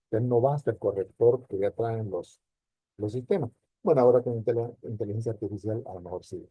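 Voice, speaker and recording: A man's voice: on the low side, a little fast, breathy edge, no room sound, lo-fi sound. Man lecturing students on slide design. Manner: explanatory, addresses students directly with rhetorical questions. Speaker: university lecturer. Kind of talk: recorded online class lecture.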